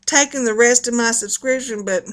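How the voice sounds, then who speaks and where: Recorded roughly, a middle-aged woman speaks at a normal pace in a high-leaning voice. She's a folksy, chatty video blogger with an Appalachian accent, rambling casually to her viewers and frequently laughing.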